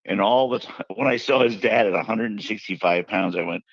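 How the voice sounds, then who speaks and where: A man's voice: lowish voice, a little fast, gravelly, dry recording, lo-fi sound. A man being interviewed about his book, telling chatty anecdotes and acting out the quotes. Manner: chatty anecdotal storyteller who acts out quotes. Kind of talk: casual interview storytelling.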